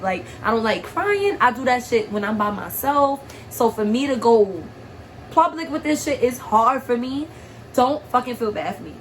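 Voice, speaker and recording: A woman's voice: medium pitch, slight background noise, rough recording. A young woman from Harlem, vlogging through tears with a stuffy nose and a shaky voice, blunt and profane. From Harlem, New York. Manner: blunt, profane, streetwise talk. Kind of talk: emotional personal vlog.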